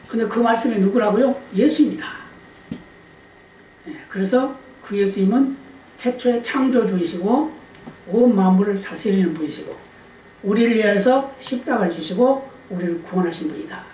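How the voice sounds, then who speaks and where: A woman pastor preaches on Sunday in a church sanctuary, her medium-pitched voice warm and expressive at a moderate pace with long pauses. She tests the congregation with questions and calls for amens. The sound is echoey, with a distant mic and faint hiss.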